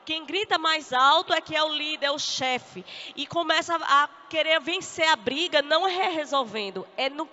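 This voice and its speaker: A woman with a Brazilian Portuguese accent giving a lively church teaching talk on marriage, acting out the complaints of spouses. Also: sits high, moderate pace. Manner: animated, acts out spouses' complaints. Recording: echoey hall, dull lo-fi sound.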